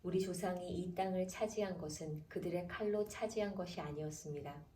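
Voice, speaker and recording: A woman announcer reading the Bible aloud in a calm, measured way, slowing down for the chapter headings. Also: fairly low pitch. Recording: roomy echo, distant from mic, faint background noise.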